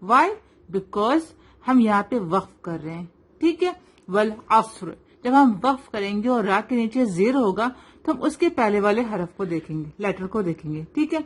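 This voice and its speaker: A woman teaching a child Quran recitation rules, switching between Urdu and English, stretching words out slowly to model them and quizzing with "right?" and "fine". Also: medium pitch, expressive. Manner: asks quiz questions and checks with "right?" and "fine". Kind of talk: tajweed lesson for a child, mixing Urdu and English.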